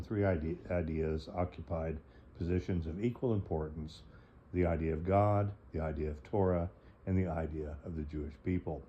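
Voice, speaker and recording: A slightly hoarse man talking casually and reading a book aloud, pausing often with fillers, on a dull lo-fi recording. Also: low voice. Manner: hesitant, many fillers between phrases. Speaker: host reading and explaining a book. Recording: dull lo-fi recording, faint noise.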